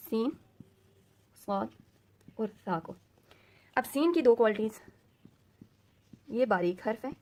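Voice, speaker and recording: Patient woman teaching letter sounds. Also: a little high. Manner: slow, patient explaining, repeating letter sounds for drills; mixes English words into her teaching. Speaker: Quran reading teacher. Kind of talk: recorded tajweed lesson.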